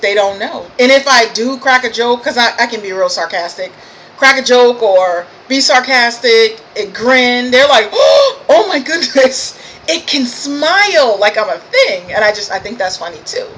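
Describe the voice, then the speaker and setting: Tired, chatty woman vlogger with a higher voice and a faint noise floor, self-amused storyteller. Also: normal speed, a bit bright, low-quality recording. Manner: chatty, laughs at herself. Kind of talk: casual storytelling vlog.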